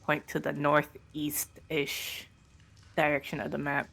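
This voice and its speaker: A woman's voice: deep voice, monotone, takes it slowly, creaky, fairly bright tone. A woman playing a tabletop game, asking questions and thinking aloud as she works things out. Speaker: player. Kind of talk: casual tabletop game chat.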